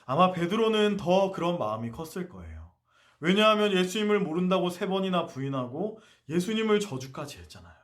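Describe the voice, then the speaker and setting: Animated storytelling male preacher. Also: high voice, fairly quick. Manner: animated, asks the listeners questions. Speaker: preacher for a church ministry. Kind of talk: storytelling sermon.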